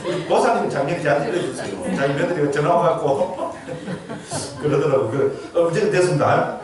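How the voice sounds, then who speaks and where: A man with a Gyeongsang accent, a monk, gives an expressive, slightly fast dharma lecture in a voice on the high side, with a crowd audible in the background. He keeps asking listeners questions and checking with "geujyo?" The temple lecture hall recording is echoey and distant.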